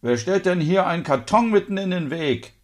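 A man's voice: sits high, expressive, moderate pace, pitched above the performer's own voice. A man voicing a complaining, indignant young man in an audio soap opera. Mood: grumbling. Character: grumpy young man bumping into boxes.

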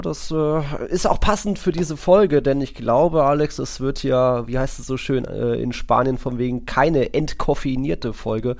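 A man co-hosts a football podcast in a gravelly, medium-pitched voice, talking in a casual, rambling, colloquial and animated way.

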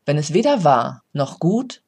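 A coach reading a parable, voicing a calm, wise old male philosopher who speaks slowly and gently instructs. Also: medium pitch, breathy edge, exaggerated voice. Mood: calm, admonishing. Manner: slow, measured, gently instructive. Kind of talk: storytelling.

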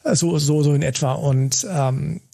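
A man's voice: on the high side, a little slow, vocal fry, mellow, breathy edge. A man co-hosting a casual conversational podcast, talking in a hesitant way with many fillers and restarts. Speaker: podcast co-host.

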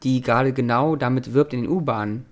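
A man's voice: medium pitch, fairly even intonation, fairly quick. A man from Germany, a podcast co-host, chatting casually and joking around. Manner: playful, joking. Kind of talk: casual chat.

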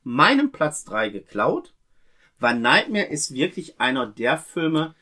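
A man's voice: on the high side, huge pitch swings, slow pace, sharp tone. A middle-aged man co-hosting a podcast, earnestly recalling films and explaining details in casual chat. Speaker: podcast co-host.

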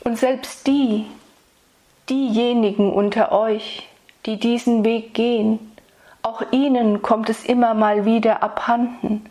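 A woman speaking as a spiritual meditation guide, soothing and intimate, addressing the listener solemnly and tenderly with long pauses. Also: on the high side, fairly even intonation, warm tone. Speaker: spiritual meditation guide delivering channeled messages.

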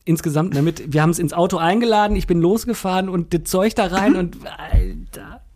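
A man, telling a funny anecdote as a podcast co-host, animated and full of laughs. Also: high-pitched, quick pace. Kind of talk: casual storytelling chat.

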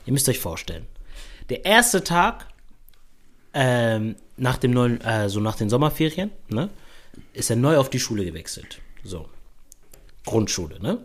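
A man's voice: medium pitch, measured pace, pauses often. A young man, a podcast host, telling an anecdote in a casual chat, using slang and filler tags. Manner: animated storyteller with youthful slang and many filler tags.

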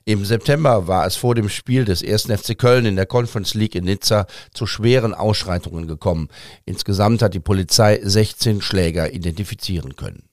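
A man's voice: fairly low pitch, fairly quick, no room sound, clean studio sound. A man hosting a news podcast, presenting scripted news.

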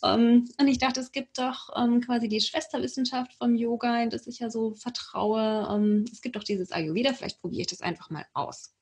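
Young woman, podcast guest, husky, slightly high voice, casual personal storytelling. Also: fairly even intonation, normal speed, hardly any pauses, darkish tone. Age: young adult. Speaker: interview guest, Ayurveda adviser.

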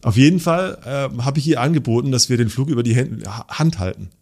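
A man co-hosting a casual podcast, telling stories in a lively way, acting out quotes and swearing casually. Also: mid-range voice, a little fast. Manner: animated storytelling, acts out quotes, swears casually. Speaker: podcast co-host.

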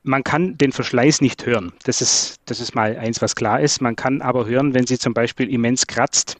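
A man talks through trailer brake technology in a relaxed podcast conversation. He explains things at length, often repeating words and filling pauses with "ähm". The recording is close and dry, with no room sound. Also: medium pitch, no echo. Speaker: trailer brake expert guest.

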